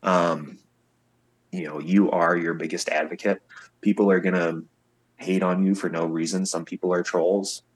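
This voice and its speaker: A man's voice: sits low, level tone, normal speed, breathy edge. A man, a singer-songwriter guest, chatting casually in an interview and telling stories where he acts out the people he quotes. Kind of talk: casual podcast interview chat.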